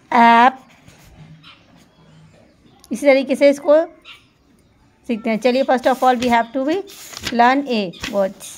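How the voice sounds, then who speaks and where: A woman teaching a phonics lesson to children, spelling out letters and then sounding out each word. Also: high voice.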